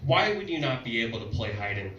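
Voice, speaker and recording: A young man performing a stand-up comedy set, telling stories in a loud, playful way with sudden tic outbursts. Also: medium pitch, big pitch swings, fast, highs cut off. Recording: echoey club, mic heard from a distance, noisy crowd.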